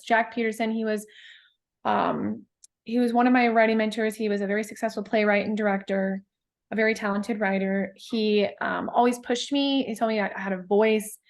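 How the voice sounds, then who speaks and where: A woman poet, appearing as a guest, speaks in a medium-pitched voice during a casual interview. She's thoughtful and halting, full of fillers and restarts.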